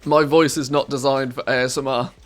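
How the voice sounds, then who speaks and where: An English man from England chats casually with his live-stream audience while playing, rambling, correcting himself and musing to chat. His scratchy, harsh voice is medium-pitched, fairly quick and shows little pitch movement, captured on a good studio microphone.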